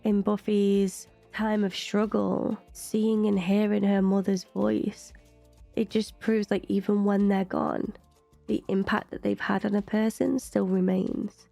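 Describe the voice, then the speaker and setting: Soft music plays behind this British woman as she hosts a reaction video in a warm, gravelly, mid-range voice. Her tone stays level and her pace a little slow, while her casual commentary comes out chatty, opinionated, and full of "like."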